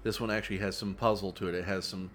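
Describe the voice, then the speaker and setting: Man, low pitch, halting, repeats words, casual chat, faint ambience. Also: little pitch movement, a bit bright, a little hiss or hum. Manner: halting, repeats words while finding his point. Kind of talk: casual board game chat.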